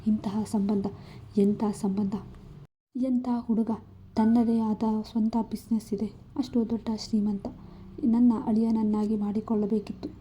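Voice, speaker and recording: A woman's voice: fairly high pitch, level tone, measured pace, warm tone, slight background noise, close to an everyday voice. A woman voicing a greedy, jealous man grumbling bitterly about a lost chance. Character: greedy, jealous middle-aged man, scheming.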